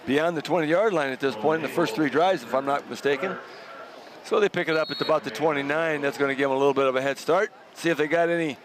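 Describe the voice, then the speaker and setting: Male color analyst, slightly high voice. Chatty and enthusiastic, chuckles often, with faint outdoor noise. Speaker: color commentator. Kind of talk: casual football color commentary.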